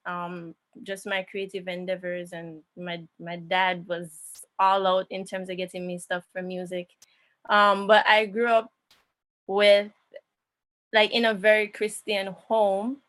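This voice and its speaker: A woman's voice: medium pitch, a bit bright, no echo. Reflective young woman, dry sound. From Jamaica. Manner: reflective, with many fillers and restarts. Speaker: interviewer and musician. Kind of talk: casual conversation.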